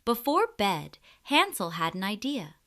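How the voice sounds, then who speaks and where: A woman with a mid-range voice performs a scripted fairy tale for young listeners, shaping it expressively and deliberately.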